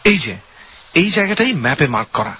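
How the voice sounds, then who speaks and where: A man's voice: a little high, sing-song, fairly quick, a little hiss or hum. An actor playing a decisive young male student who leads his friends in an audio drama mystery. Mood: secretive, determined. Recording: muffled lo-fi, loud music behind.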